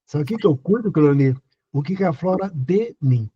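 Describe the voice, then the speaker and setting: Older host, husky and mellow, earnest advice talk, dull lo-fi sound. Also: male voice, a little high, lively intonation, normal speed. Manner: earnest, repeats questions to the listener. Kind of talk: casual advice talk on a live stream.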